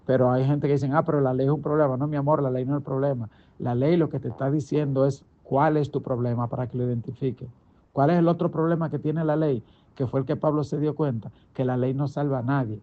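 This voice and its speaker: A man's voice: mid-range voice, steady tone, fairly quick. A middle-aged man, a pastor preaching a daily devotional in an emphatic, conversational way, full of rhetorical questions. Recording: dull lo-fi recording.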